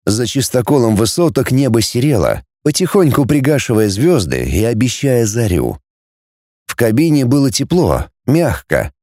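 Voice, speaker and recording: A man reading an audiobook in a measured, expressive way. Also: mid-range voice, dry recording, studio quality. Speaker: audiobook narrator.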